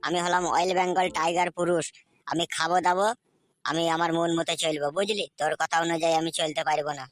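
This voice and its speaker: A man playing a rude, boastful young village husband who talks gruffly and crudely. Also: fairly high pitch, steady tone, quick pace, natural voice. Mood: scolding. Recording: loud background music.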